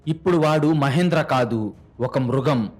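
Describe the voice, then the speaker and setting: A man's voice: mid-range voice, measured pace, a little mellow. A man reading a scripted crime story aloud in a dramatic, suspenseful storytelling way. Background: faint music.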